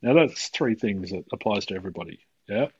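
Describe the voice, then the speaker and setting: A man's voice: fairly low pitch, animated, fairly quick, darkish tone, slightly rough, dull audio. An Australian man, a podcast co-host, telling a rambling, laid-back story in casual chat.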